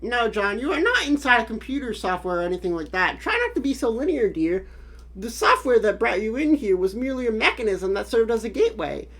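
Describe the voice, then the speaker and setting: A doting, mysterious granny spirit, as a woman puts her on while reading a webcomic. The delivery swoops all over in a husky, theatrical lilt with mock grandeur. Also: fairly high pitch, big pitch swings, fairly quick, fairly bright tone, full character voice. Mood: grandmotherly, grand. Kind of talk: reading a webcomic aloud in character.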